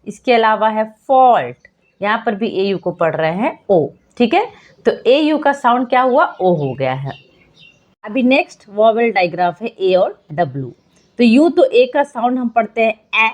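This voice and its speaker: A woman's voice: on the high side, animated, darkish tone. Hindi-speaking woman teaching phonics. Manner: patient, asks and answers her own questions; sounds out words slowly, stretching vowels. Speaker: teacher for parents. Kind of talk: phonics lesson.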